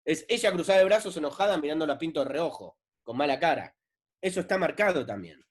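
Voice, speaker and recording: A man's voice: on the high side, fast. Argentine man explaining film craft. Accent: Argentine Spanish. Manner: relaxed, conversational, frequent "¿no?" and fillers. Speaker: film director giving a masterclass. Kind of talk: explanatory lecture.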